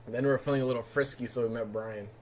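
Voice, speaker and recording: A man's voice: mid-range voice, steady tone, very fast, darkish tone, a little hiss or hum. Laid-back joking male stream host. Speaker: livestream host and trader. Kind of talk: casual livestream chat.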